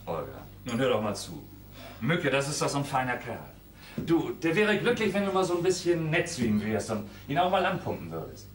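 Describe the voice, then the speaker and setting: An actor playing a harried young sculptor, blunt and exasperated, recorded live on a roomy stage from a distance. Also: male voice, mid-range voice, very animated, brisk, slight background noise, natural voice. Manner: exasperated, blunt, sometimes shouting. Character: harried young sculptor, man, curt with his ex.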